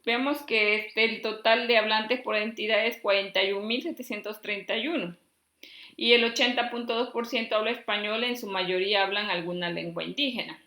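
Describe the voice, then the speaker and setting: A woman from Chiapas, Mexico, teaching a class and reading out long lists slowly, checking in with her students as she goes. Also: medium pitch, steady tone, sharp tone. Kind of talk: classroom lesson. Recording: echoey room.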